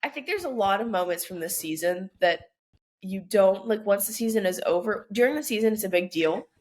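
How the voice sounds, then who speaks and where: A woman's voice: medium pitch, animated, darkish tone. A young woman co-hosting a casual podcast, chatty and opinionated, with lots of "like" fillers. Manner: chatty, full of "like" fillers, quick to vent. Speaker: podcast co-host. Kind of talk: casual chat.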